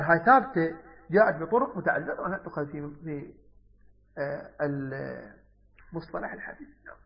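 High-voiced man teaching, lo-fi. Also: in a large hall. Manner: explanatory, repeats key words, mixes dialect with formal Arabic. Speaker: Islamic teacher. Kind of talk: religious lesson explaining hadith. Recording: dull lo-fi recording.

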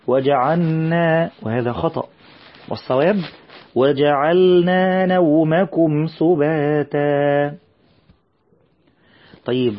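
A man with an Egyptian Arabic accent teaching tajweed. He explains in quick everyday speech, then recites verses slowly and drawn out. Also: fairly high pitch, dull audio. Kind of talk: tajweed lesson with slow recitation.

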